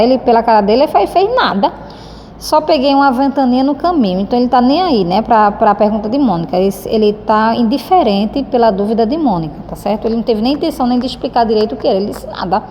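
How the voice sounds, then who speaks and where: Brazilian woman teacher, higher warm voice, affectionate, echoing room with faint hiss. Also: fast talker. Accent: Brazilian Portuguese. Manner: affectionate, keeps checking in with "tá?". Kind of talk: recorded lesson explaining a textbook. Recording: reverberant room with faint background noise.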